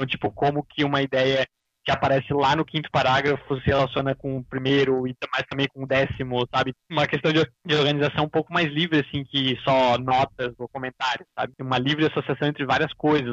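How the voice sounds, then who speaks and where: A man chats about writing in a loose, rambling way, full of fillers. His voice sits at an ordinary pitch. The sound is dull and lo-fi, with no room echo. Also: a bit bright. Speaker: podcast co-host. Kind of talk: casual chat about writing.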